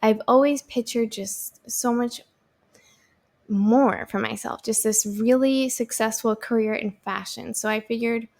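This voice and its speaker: A woman in her thirties chats alone on her own podcast in an upbeat, rambling way, full of fillers and restarts. Her voice is a little high, gravelly, and darkish, with fairly even intonation and an unhurried pace.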